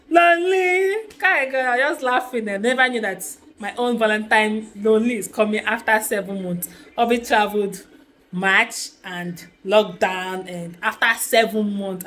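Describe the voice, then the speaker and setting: Chatty Nigerian woman vlogging at home. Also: a little hiss or hum. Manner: chatty, sighing, switches between low tired murmurs and loud excited outbursts. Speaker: vlogger, stay-at-home mom. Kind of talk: casual talking-to-camera vlog. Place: home kitchen and rooms, indoors. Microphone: phone camera held close.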